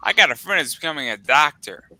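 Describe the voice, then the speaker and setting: Young guy, bright tense voice, dry close mic, swears a lot, rambly storyteller. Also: a little high, lively intonation, fast talker, dry recording, low-quality recording. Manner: profane, rambling storyteller with many likes. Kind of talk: casual chat, storytelling.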